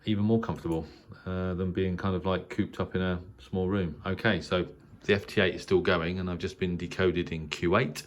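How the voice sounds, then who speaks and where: Speaking at normal speed with hardly any pauses, a middle-aged English man with a low-pitched, steady voice gives an unscripted tour of his indoor radio shack, a small spare bedroom. He's a shortwave hobbyist and channel host whose delivery is casual, hesitant and rambling. The home room audio is clearly noisy.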